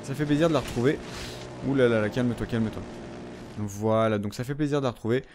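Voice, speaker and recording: A man's voice: medium pitch, fast, noisy background. A young man giving casual gameplay commentary, rambling with lots of fillers and frequent swearing. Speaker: gamer.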